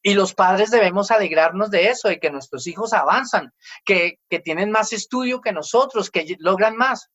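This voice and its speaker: A man's voice: high-pitched, moderate pace, fairly bright tone, muffled recording. A man in his forties preaching a family sermon as pastor, emphatic, and he acts out children's complaints in quoted voices.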